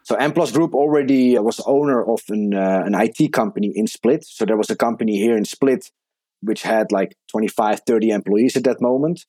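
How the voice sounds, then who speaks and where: Here a Netherlands-born entrepreneur in his thirties, Dutch by native tongue and accent, chats as a guest on a podcast interview. He talks briskly in a fairly low, mellow voice, and the audio has no echo.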